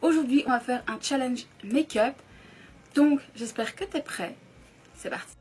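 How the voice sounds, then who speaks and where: A woman's voice: high-pitched, unhurried, husky, faint music behind. Chatty young woman doing a makeup tutorial. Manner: chatty, talks softly so as not to disturb. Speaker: beauty YouTuber. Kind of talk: casual makeup tutorial chat. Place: home room at a makeup table.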